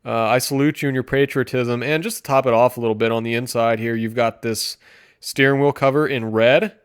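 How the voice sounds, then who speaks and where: A man giving sarcastic commentary, deadpan with mock-enthusiastic outbursts. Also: medium pitch, brisk, smooth. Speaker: streamer reviewing car listings.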